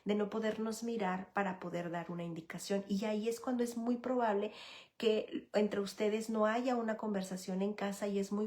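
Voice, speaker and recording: A woman's voice: mid-range voice, a little mellow. Lady psychologist giving parents advice live, earnest, keeps asking ok?. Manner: addresses parents directly, often tags "¿ok?"; earnest, explanatory, lists examples.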